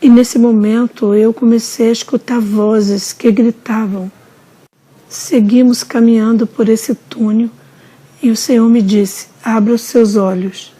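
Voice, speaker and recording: A woman narrating a religious testimony in a solemn, measured storytelling manner. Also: a little high, fairly even intonation, warm tone, husky. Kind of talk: slow dramatic testimony narration.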